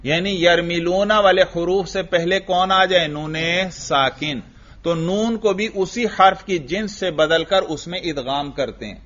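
A man's voice: sits high, fairly bright tone. Man quizzing a grammar class. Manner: drills students with rhetorical questions, then answers himself. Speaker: Arabic grammar teacher. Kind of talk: classroom grammar lesson, question and answer. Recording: dull lo-fi recording.

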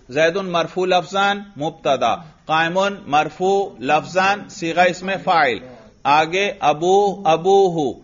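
A man's voice: on the high side, muffled recording. A man teaching Arabic grammar in a classroom lesson, asking questions and answering them himself step by step.

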